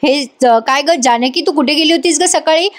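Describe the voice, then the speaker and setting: A woman voicing a scheming, sharp-tongued young woman who taunts and accuses her family in a soap recap. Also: high voice, moderate pace, lightly acted. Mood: taunting.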